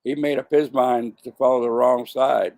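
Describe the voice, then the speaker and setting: Man, 70s, gravelly, halting delivery with frequent restarts; casual to-camera monologue. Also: medium pitch, steady tone, a little mellow. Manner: stumbling, repeats and corrects himself. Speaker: vlogger.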